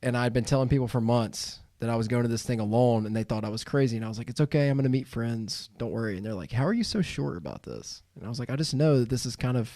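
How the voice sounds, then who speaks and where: A man hosting a podcast in a studio, telling stories in a lively, laughing way. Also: mid-range voice, fast talker, hardly any pauses, no room sound. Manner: animated storyteller, laughs while telling. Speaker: podcast host. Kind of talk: casual podcast chat.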